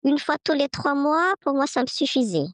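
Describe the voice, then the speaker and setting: A woman in her fifties, her voice altered by a voice changer, leaving a measured, hesitant listener message. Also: animated, dry recording, clean studio sound. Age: 50s. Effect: voice changer, pitch-shifted disguised voice.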